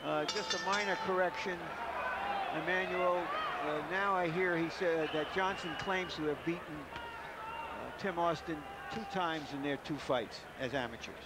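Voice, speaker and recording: A man's voice: on the high side, a little slow. A man commentating live on a boxing broadcast as play-by-play host. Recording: loud crowd and arena noise.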